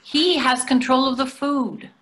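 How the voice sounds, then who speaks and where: A sixty-something woman on a video call from a plain indoor room plays a soothing, gently chiding middle-aged wife in a readers theatre production. Her voice sits high, steady and a bit bright, and she speaks unhurriedly.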